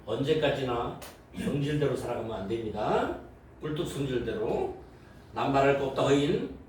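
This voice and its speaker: A man's voice: medium pitch, animated, moderate pace, a little mellow. Male pastor preaching in an echoey sanctuary. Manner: interactive preaching, quizzing the congregation, acting out worldly reactions. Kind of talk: sermon. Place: church sanctuary. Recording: very echoey hall, voice from far off, faint noise.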